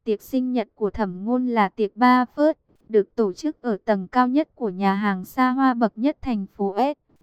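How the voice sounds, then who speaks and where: Clear-voiced woman audiobook narrator. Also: fairly high pitch, unhurried, no echo, lo-fi sound. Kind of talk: scripted narration.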